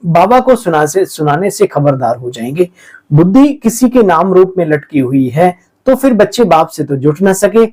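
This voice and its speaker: A man giving a lively spiritual sermon, exhorting his listeners and often calling them sweet children. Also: fairly high pitch, rough recording. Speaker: spiritual teacher explaining the daily murli.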